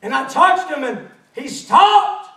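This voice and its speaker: Healed woman, put on by a male preacher, earnest, high voice, echoey, far from mic. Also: big pitch swings, takes it slowly, sharp tone, exaggerated voice. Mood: relieved. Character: woman healed after years of illness, joyful. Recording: echoey church, mic at a distance.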